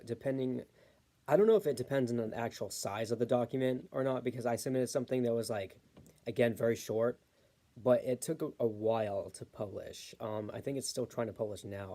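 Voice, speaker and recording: A man's voice: mid-range voice, mellow. A man giving a casual, unscripted self-publishing tutorial, rambling with lots of fillers and stopping to correct himself.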